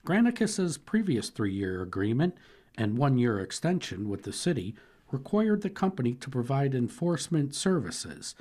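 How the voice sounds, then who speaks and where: A man reading newspaper articles aloud for a radio reading service, in a measured, even manner with occasional slips. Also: mid-range voice. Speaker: volunteer newspaper reader.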